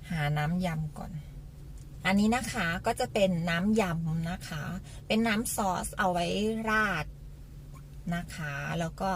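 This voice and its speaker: A woman with a lowish voice casually hosts a mukbang-style food vlog, eating as she presents the food. She talks politely and repeats her phrases while explaining, and there's a little hiss or hum in the recording.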